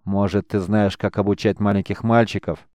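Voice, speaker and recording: A man voicing a powerful grand mage in an audiobook, his words curt and stern. The voice sits low and smooth, recorded dry and close. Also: little pitch movement, moderate pace, darkish tone, no room sound, lightly acted. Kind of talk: audiobook character voice.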